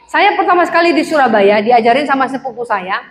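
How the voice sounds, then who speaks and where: A woman pastor preaches with a high, lively voice and a humorous touch. She acts out the voices in her stories. The sound is roomy, with a long church-hall reverb and faint ambience behind her. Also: fast talker, a crowd in the background. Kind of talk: sermon with personal stories.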